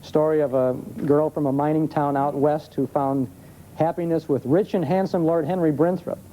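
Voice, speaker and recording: An American expert on old-time radio is a guest in a live TV interview, recorded as a noisy vintage broadcast from a studio with an audience. He talks conversationally at normal speed in a mellow, somewhat high voice with a steady tone.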